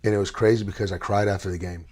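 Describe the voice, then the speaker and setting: A man with a fairly low voice hosts a relaxed podcast interview. He talks in a chatty, storytelling way and turns playful now and then. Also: racing. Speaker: podcast host. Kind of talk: casual interview.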